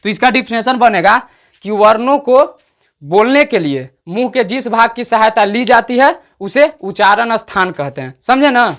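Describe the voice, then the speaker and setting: A man with a Bihari accent teaching an exam-prep lesson, often checking "understood?" and slowing down to dictate definitions. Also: very high-pitched, fairly bright tone. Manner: repeats "samjhe na?" checks, slows to dictate definitions.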